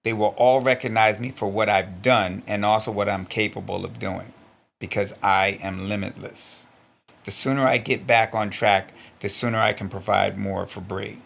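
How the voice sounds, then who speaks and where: Gravelly low-voiced man, blunt and emotional. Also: fairly even intonation, normal speed, fairly bright tone. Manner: blunt, earnest, swears freely; emotional, close to tears. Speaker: interview guest, stunt performer. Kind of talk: reading old journal, then reflective interview talk.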